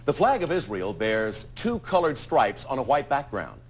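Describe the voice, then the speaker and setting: A man hosting a TV game show, bantering playfully with contestants and reading questions briskly in a studio. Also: mid-range voice, big pitch swings, husky.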